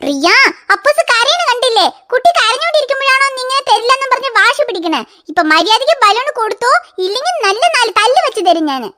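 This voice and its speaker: A woman's voice: very high voice, lively intonation, fast talker, hardly any pauses, sharp tone, heavily acted. A woman voicing a busy young mother in a cartoon, firm and scolding toward her children. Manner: scolding, threatening tone. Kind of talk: cartoon voice acting.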